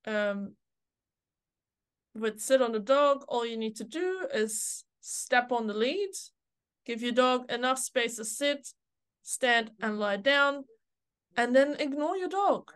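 A woman dog trainer co-hosting a podcast in casual chat, emphatic and quick to agree, often quoting dogs and owners aloud. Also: sits high, clear, resonant tone.

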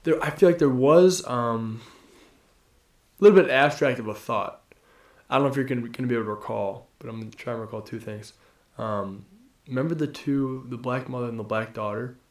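A man's voice: mid-range voice, fairly quick, darkish tone. A man co-hosting a casual podcast about a movie, rambling, swearing casually and trailing off mid-sentence. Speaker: podcast co-host. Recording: roomy echo.

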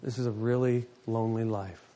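Animated fifty-something man telling a story. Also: a little fast, slight background noise. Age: 50s. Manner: animated storytelling, voice surging high with excitement. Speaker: ministry leader. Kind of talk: emotional testimony to a congregation.

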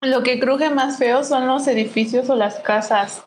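A woman calmly recounting something in a casual chat with friends. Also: high-pitched, unhurried, a little hiss or hum. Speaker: friend in the conversation.

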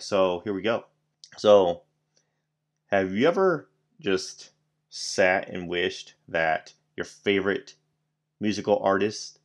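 A man hosting a solo podcast, rambling casually with lots of fillers, restarts and offhand swearing. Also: lowish voice. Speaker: podcast host.

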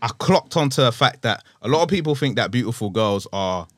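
A young man with a London accent giving measured advice in casual podcast chat, often ending on tag questions. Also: mid-range voice, animated, no room sound, studio quality. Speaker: podcast panellist.

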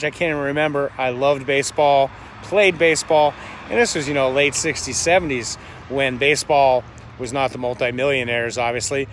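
A man in his fifties with a medium-pitched voice tells a story to the camera he holds himself, rambling and chatty with plenty of fillers and restarts. He is recording outdoors, and faint traffic and construction noise sit underneath his voice. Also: a bit bright. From Georgia, US. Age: 50s. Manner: rambling, chatty, with frequent fillers and self-corrections. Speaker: vlogger. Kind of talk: casual first-person storytelling to camera. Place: outdoors in front of his house, near construction. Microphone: handheld camera held by the speaker.

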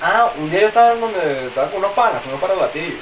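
A man's voice: high-pitched, expressive, racing, far from the mic. A young man co-hosting a podcast, clowning around and laughing a lot. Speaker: podcast co-host. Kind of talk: casual chat. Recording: roomy, off-mic, noisy.

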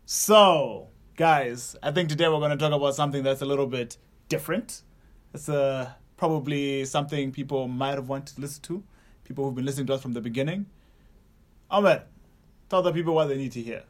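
A man's voice: medium pitch, brisk. A man co-hosting a podcast, talking in a casual, upbeat and teasing way. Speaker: podcast co-host. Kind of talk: casual chat.

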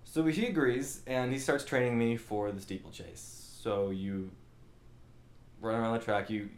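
Young man, casual storyteller, rambling and self-mocking, middle-pitched voice, roomy echo. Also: unhurried. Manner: rambling, animated, self-mocking, acts out quotes. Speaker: channel host.

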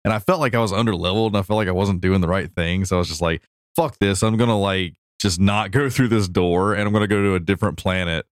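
A man's voice: deep voice, quick pace, no room sound, clean studio sound. A man co-hosting a gaming podcast, telling a rambling, profane story in casual chat. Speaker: podcast host.

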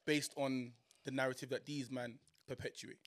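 London roadman guy hosting a podcast, medium pitch, slangy, always asking stuff. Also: little pitch movement, normal speed, a bit bright. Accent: London, urban street. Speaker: podcast host. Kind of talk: casual podcast banter.

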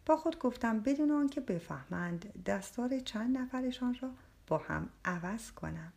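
A woman's voice: on the high side, creaky, darkish tone. A woman narrating an audiobook in the first person, telling the story expressively.

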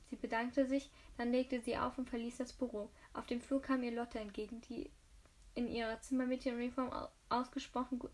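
A woman's voice: on the high side, darkish tone. Woman reading a novel with many restarts. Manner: frequent slips and restarts. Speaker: audiobook reader. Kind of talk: novel read aloud.

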